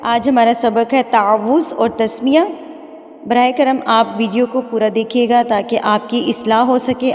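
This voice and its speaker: A woman teaching a tajweed lesson online, patiently repeating each sound slowly and drawing it out for learners to copy. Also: fairly high pitch, darkish tone, big-room sound. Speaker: Quran recitation teacher.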